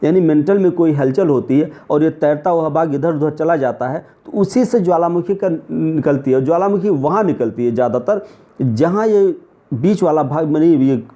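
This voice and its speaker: A man with a Hindi accent teaching an exam coaching lesson, walking through diagrams step by step. He often poses a question and then answers it himself. His voice sits a little high but sounds mellow and relaxed, and the recording is muffled and lo-fi. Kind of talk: explanatory lesson over diagrams.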